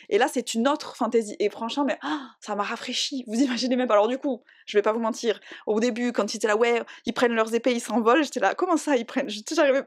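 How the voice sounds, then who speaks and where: A young woman talks through her favourite books in a loose, rambling way, stopping and restarting her sentences. Her voice sits slightly high. She keeps a casual video-chat tone throughout. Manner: rambling, animated, many fillers and self-corrections, laughs often. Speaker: book vlogger. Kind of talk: casual chatty book review.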